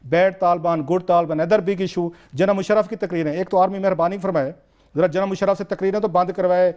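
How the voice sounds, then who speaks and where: High-voiced Pakistani man, urgently arguing. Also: fairly even intonation, brisk, darkish tone. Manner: urgent, emphatic, repetitive argument. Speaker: political commentator. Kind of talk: TV talk show debate.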